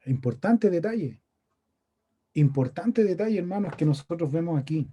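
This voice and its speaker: A Chilean man preaches in a high, mellow voice. He keeps it conversational and often turns to his listeners with questions. The sermon is delivered in a church meeting room. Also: animated, moderate pace, a little hiss or hum. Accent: Chilean Spanish. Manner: conversational, asks the congregation questions.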